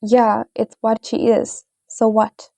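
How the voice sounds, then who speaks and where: A woman voicing a brash, bossy little boy who talks in a gruff, dismissive, blunt way in a read-aloud story. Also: on the high side, completely flat delivery, takes it slowly, warm tone, no room sound.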